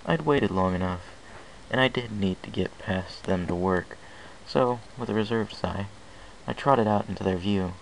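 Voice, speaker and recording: A man reads fan fiction aloud in the first person at a moderate pace, his fairly low voice marked by a gravelly creak. Some noise runs through the low-quality homemade recording.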